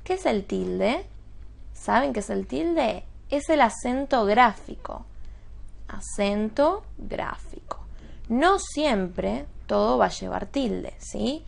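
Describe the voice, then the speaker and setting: Slow, gravelly-voiced woman teacher. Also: fairly high pitch, expressive. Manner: deliberate, checks understanding with quick questions. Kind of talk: spoken grammar lesson.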